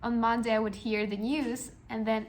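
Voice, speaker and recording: Her pitch is on the high side with little movement, and she keeps a moderate pace. In this reflective monologue, the twentysomething podcast host shares a personal story earnestly and encouragingly, frequently starting over mid-thought.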